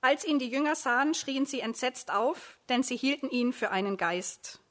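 A woman's voice: high-pitched, animated, normal speed. A woman preaching a sermon, retelling a Bible story dramatically in second person to her listeners. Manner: dramatic, addressing listeners directly. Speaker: preacher, discipleship program leader.

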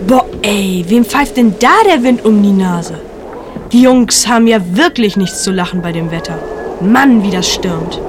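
A woman's voice: medium pitch, measured pace, lightly acted. A woman playing a cheeky, indignant listener who questions the storyteller in a children's radio play, slangy and incredulous. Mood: cheeky, curious. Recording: clear storm noise behind voice.

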